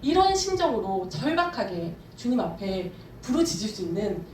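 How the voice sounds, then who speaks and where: A woman pastor preaching a sermon with fervent emphasis, speeding up and slowing down as she drives her points home. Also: medium pitch, big pitch swings, slight background noise. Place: church sanctuary. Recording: echoey church hall, from far off.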